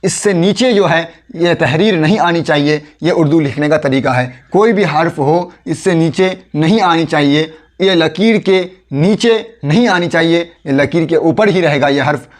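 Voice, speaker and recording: Guy teaching how to write letters step by step, patient, keeps repeating, kinda high voice. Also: normal speed, few pauses. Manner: patient, repetitive explaining. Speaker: handwriting teacher. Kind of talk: casual spoken lesson, demonstrating while writing.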